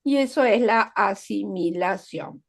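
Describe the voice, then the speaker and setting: A woman's voice: mid-range voice, lively intonation, measured pace. A woman teaching literature in an online class, explaining literary devices step by step with examples and checking in with her students.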